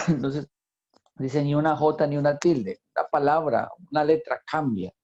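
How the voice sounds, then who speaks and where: A man's voice: on the high side, unhurried, dull audio. A man tutoring a Bible class, who repeats phrases for emphasis and quizzes his students. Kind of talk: teaching a Bible lesson to a class.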